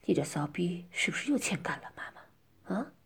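Woman voicing a bossy son, low half-whisper, very breathy, scolding. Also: normal speed, a little mellow. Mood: angry. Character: gruff, bossy young adult son.

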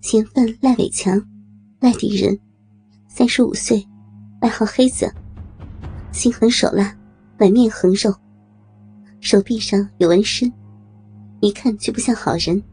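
Warm, husky female story narrator. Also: medium pitch. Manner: steady, measured reading. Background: faint music.

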